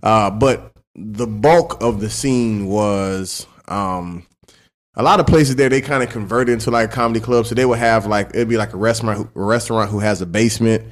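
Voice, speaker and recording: A man's voice: on the low side, moderate pace. A man, a stand-up comic in a casual podcast chat, talking right into a cheap mic so his voice comes out fuzzy and distorted. He rambles loosely and trails off and restarts phrases. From Washington DC area. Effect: fuzzy, distorted sound from a cheap mic held right at the mouth. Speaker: stand-up comedian guest. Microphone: cheap handheld mic pressed against the mouth.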